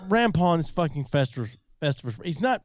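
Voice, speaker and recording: A man's voice: fairly high pitch, very animated, moderate pace, no room sound, lo-fi sound. Rambling, defensive man on a podcast. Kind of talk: casual podcast banter.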